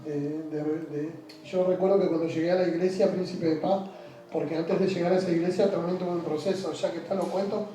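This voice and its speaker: A man tells his personal story in an interview, his high, dark, mellow voice often stumbling over repeated words and sinking low. He sits away from the mic in a very echoey room, with faint music underneath. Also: steady tone, distant mic, a little hiss or hum. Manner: halting, repeats words, trails off quietly. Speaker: interview guest.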